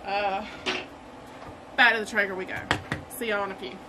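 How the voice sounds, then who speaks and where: A woman's voice: medium pitch, level tone, normal speed, very noisy. Chatty woman hosting a cooking vlog. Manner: chatty and enthusiastic. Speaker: barbecue cooking host. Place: home kitchen.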